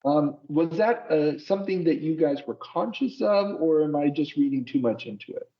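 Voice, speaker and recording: A man's voice: a little high, lively intonation, normal speed. A male interviewer from the United States, raised in Argentina, sets up long, thoughtful questions for his guest. He sounds set back from the microphone, and the audio is muffled. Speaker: podcast host, interviewer. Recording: distant, muffled mic.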